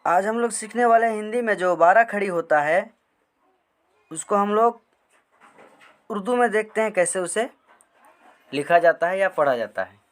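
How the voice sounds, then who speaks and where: A man gives a step-by-step lesson on reading Urdu script. He explains patiently and keeps asking a question and then answering it himself. He slows right down to spell out each letter. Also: high voice, lively intonation. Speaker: online Urdu teacher.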